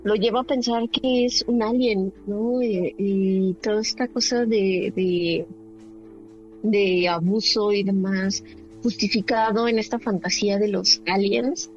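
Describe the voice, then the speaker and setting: A woman's voice: medium pitch, steady tone, measured pace, darkish tone, dull audio, soft background music. A woman co-hosting a casual film discussion podcast, thinking aloud with fillers and tag questions. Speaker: podcast co-host.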